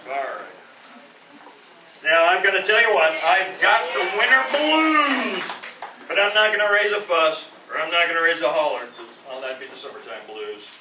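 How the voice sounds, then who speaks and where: A high-voiced male comedian, animated and at a moderate pace, performs stand-up one-liners and corny puns in a veterans home hall, trailing off sheepishly at the end of each. He has no microphone and the recorder is far away. The echoey, roomy hall is noisy, with crowd noise audible.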